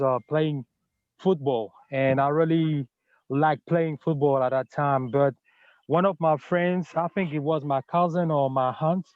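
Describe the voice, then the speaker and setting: A man sharing a memory on a video call, friendly, pausing on fillers as he recalls. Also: on the high side, no echo. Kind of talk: casual video call chat. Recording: muffled lo-fi call audio.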